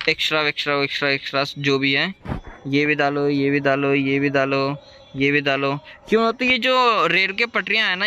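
High, bright-voiced man streaming a game. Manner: chatty, repeats words in rapid strings, reacts to chat. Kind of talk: live gameplay commentary. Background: faint ambient noise.

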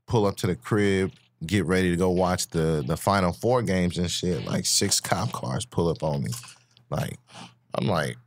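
A young man with a Midwestern American accent, a guest on a casual studio podcast, telling his story in a laid-back way with laughs and restarts. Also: sits low. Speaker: guest rapper. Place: small studio with dark backdrop. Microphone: studio mic with headphones.

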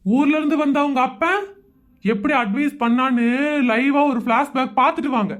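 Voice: high voice, fairly bright tone. A performer voicing a young husband in a Tamil cartoon, grumbling and sarcastic about his in-laws. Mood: addressing viewers. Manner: grumbling, sarcastic, quick complaints.

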